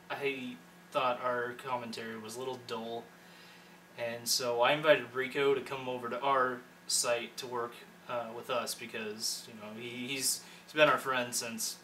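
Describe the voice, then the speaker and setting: A man's voice: mid-range voice, bright, forceful tone, distant mic, a little hiss or hum, low-quality recording. A man in his twenties casually introducing himself and his video group, rambling and correcting himself as he goes. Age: 20s. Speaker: channel editor and online manager. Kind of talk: casual self-introduction to camera.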